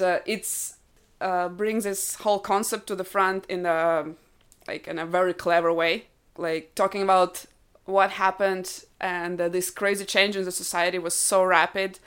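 This thirtysomething Ukrainian woman, a native Russian speaker, is a guest on a podcast, talking informally and working through explanations with lots of filler words. Her pitch is fairly low, and her clear, resonant tone has a touch of brightness.

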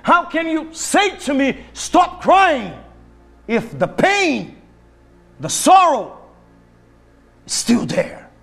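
A man's voice: very high voice, sing-song, extremely slow, creaky, long pauses, a bit bright, faint music behind, voice pushed up, full character voice. A man preaching voices a grieving widowed mother, pleading and crying out in despair. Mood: anguished pleading. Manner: pleading, rising to a cry. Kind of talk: sermon role-play.

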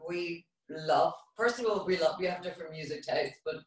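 A woman's voice: on the low side, moderate pace. Chatty woman from Germany, roomy distant sound. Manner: chatty, laughs often, restarts sentences. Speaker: DJ and radio show co-host, guest. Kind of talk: casual interview chat.

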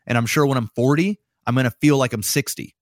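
A man in his thirties co-hosting a casual podcast, talking in a laid-back, drawn-out way with plenty of swearing. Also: mid-range voice, no echo, clean studio sound. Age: 30s. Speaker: podcast co-host. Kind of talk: casual chat.

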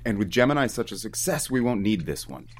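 A woman's voice: a bass voice, sing-song, brisk, slight background noise, voice pushed down. A woman voicing a cold, dismissive male scientist, the father, with a clipped delivery.

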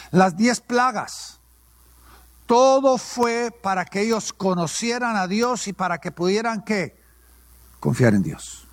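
A man's voice: high voice, no room sound. A male pastor, preaching a sermon and asking questions that he answers himself. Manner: call-and-response preaching, asks and answers his own questions.

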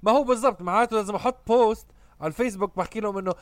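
A man hosts a casual podcast chat in a Levantine Arabic accent. His voice sits high for a man, and his words come extremely quickly. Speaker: podcast host.

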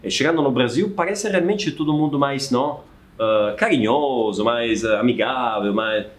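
A man talks in an easy, unhurried chat, often pausing to restart his thoughts and checking in with a quick question. His voice sits at an ordinary middle pitch. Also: lively intonation. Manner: thoughtful, hesitant, frequent restarts and tag questions. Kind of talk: casual chat.

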